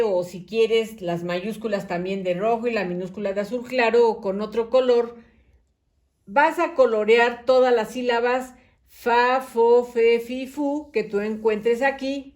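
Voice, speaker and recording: A woman teaching young children to read and write, dictating slowly and praising them patiently in a sing-song manner. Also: a little high, a little mellow. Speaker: primary school teacher. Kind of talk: slow children's dictation lesson. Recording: roomy, slightly distant mic.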